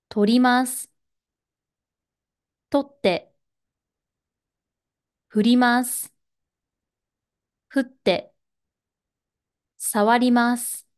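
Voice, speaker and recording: A woman with a slightly high voice leads a language drill at a very slow pace. Each word is set apart and carefully pronounced for learners to repeat. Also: clean tone. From Japan. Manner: deliberate, carefully enunciated pronunciation. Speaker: Japanese teacher.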